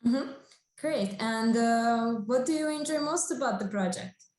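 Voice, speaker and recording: A woman hosting a live online interview, asking brisk, upbeat questions. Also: on the high side, darkish tone. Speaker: host. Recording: echoey room.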